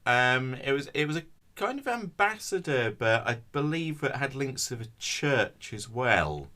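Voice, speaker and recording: A man's voice: mid-range voice, big pitch swings, measured pace, pushed and bright. A man from North East England co-hosting a podcast, adding short, hesitant points about history. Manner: brief, hesitant interjections. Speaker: podcast co-host with history knowledge. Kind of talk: casual podcast chat.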